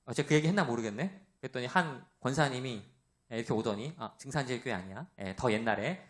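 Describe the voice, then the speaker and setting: A man preaching a sermon to young adults, with a loud voice, asking the congregation questions and acting out the voices he quotes. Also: medium pitch, lively intonation, quick pace. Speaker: pastor.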